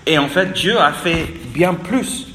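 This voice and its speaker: Guy giving a sermon, slow and earnest, boomy roomy church sound, faint background hum. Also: animated, bright, forceful tone. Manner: slow, earnest, voice dropping at phrase ends. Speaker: preacher. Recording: echoey hall with long reverb.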